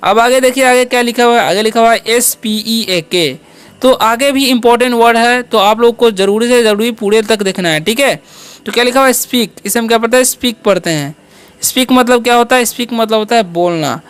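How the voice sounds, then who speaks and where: A man's voice: very high-pitched, brisk, a bit bright, smooth. A man teaching basic English words, often repeating questions to his students. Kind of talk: spoken English lesson.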